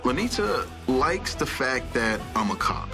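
A man's voice: mid-range voice, big pitch swings, measured pace, gravelly, music in the background. A man who is a police officer, speaking sincerely in a documentary interview.

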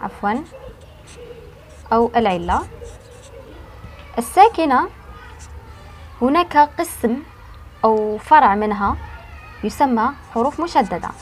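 Woman, language teacher, fairly high voice, patient and deliberate, online lesson. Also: lively intonation, slight background noise. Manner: patient and deliberate, stretching key words with thinking pauses.

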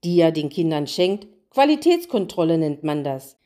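A woman voicing a whiny, ever-freezing male snowman in a storybook reading, with a high wailing voice. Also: sing-song, moderate pace, warm tone. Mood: fretful.

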